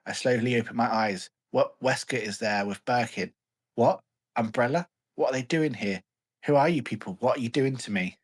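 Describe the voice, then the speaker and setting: A man's voice: mid-range voice, normal speed, husky. Man doing comic dramatic readings. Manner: reads in a mock-dramatic voice, swears, laughs. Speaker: podcast host reading fanfiction aloud.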